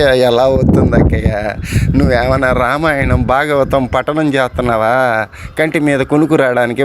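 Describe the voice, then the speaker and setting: Expressive male storyteller reading aloud. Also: medium pitch, background noise. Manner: expressive, breaks off to chat with the diary's writer. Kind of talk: storytelling narration with spoken asides.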